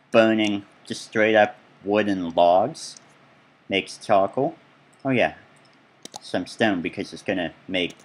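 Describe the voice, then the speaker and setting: Man, low voice, let's play commentary, casual, rambling asides. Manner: rambling, chatty asides while touring his build.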